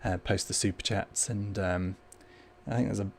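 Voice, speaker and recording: Creaky, lowish-voiced man hosting a livestream. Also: fairly even intonation, normal speed, slight background noise. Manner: hesitant, rambling, informal delivery. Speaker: livestream host. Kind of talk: casual livestream chat.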